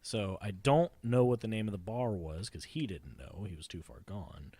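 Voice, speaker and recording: A man playing a sweaty, excitable young sailor who rambles breathlessly through a story in an improvised comedy audio drama. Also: on the low side, moderate pace, husky.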